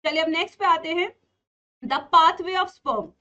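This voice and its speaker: A woman's voice: very high voice, a little slow, sharp tone. A young adult woman giving a playful online biology lesson for exam prep, asking her students questions and answering them herself. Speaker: biology teacher. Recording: dull lo-fi stream audio.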